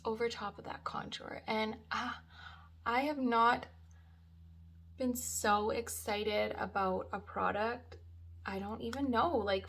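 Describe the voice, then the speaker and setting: A woman's voice: on the high side, breathy edge. A young woman chatting casually through a makeup tutorial, gushing about products with lots of fillers. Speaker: beauty vlogger.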